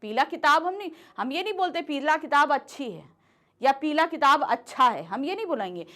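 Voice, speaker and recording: A woman with a high, bright voice teaches a grammar class, and her pitch rises and falls a lot as she explains. She asks the class questions and then answers them herself, checking in again and again to make sure everyone is following. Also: animated, moderate pace. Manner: checks in often with "ठीक है?".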